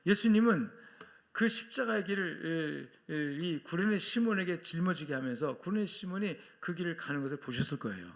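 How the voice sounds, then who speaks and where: A male pastor delivers a Sunday sermon in a somewhat high, creaky voice with lively intonation at a normal pace. He preaches with strong emphasis, acts out quoted voices, and asks the congregation to repeat after him.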